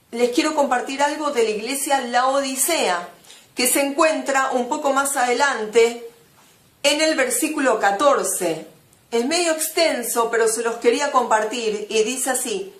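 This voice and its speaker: Earnest woman preaching. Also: sits high. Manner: earnest, slows down to stress scripture. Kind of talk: sermon with scripture reading. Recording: echoey room.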